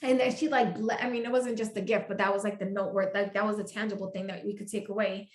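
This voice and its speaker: A woman podcast guest telling a faith story in an animated, emphatic way, repeating phrases for effect. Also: medium pitch, fast talker, reverberant.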